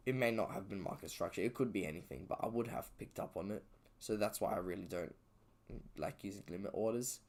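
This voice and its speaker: A man with a fairly low, slightly mellow voice streams his trading session from home, casually musing over his chart with fillers and self-corrections. He sounds a bit sleepy and yawns as he goes.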